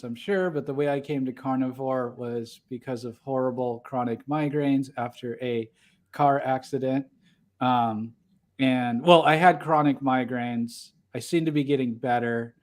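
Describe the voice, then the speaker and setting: An adult man co-hosting a casual livestream. His voice sits at an ordinary middle pitch. He rambles through his explanation, restarting sentences and leaning on fillers. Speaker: podcast co-host.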